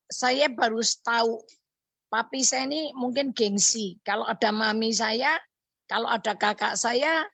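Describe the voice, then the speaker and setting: A woman tells a personal faith story as a radio guest. Her voice sits a touch high, and she slips into her remembered thoughts and words as she goes. The sound is close and dry, with no room echo. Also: a bit bright. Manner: earnest storytelling, acts out her own thoughts and quoted lines. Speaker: radio guest sharing a testimony.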